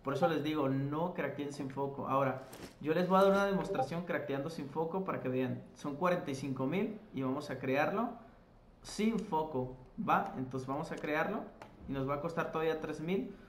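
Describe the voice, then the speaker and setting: Brief: male game tutorial host, fairly high voice, chatty and self-correcting, echoey room with faint hiss. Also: moderate pace. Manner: chatty, addresses viewers as "chicos", self-corrects while explaining. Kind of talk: casual gameplay tutorial.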